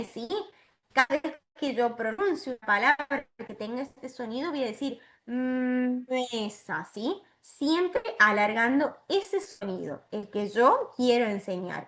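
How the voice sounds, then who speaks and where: A woman giving a virtual training lesson to teachers, explaining step by step and often checking in with a quick "¿sí?". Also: on the high side, a bit bright.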